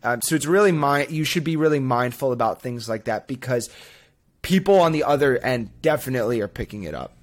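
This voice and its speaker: A man's voice: medium pitch, animated, a little fast. Thoughtful hedging male podcaster. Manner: thoughtful, hedging, self-deprecating humor. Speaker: podcast co-host. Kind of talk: casual podcast chat.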